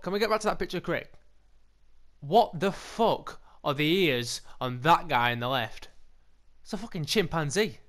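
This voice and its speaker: A man hosting a casual commentary show, mocking and profane. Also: on the high side. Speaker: show host. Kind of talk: casual commentary over clips.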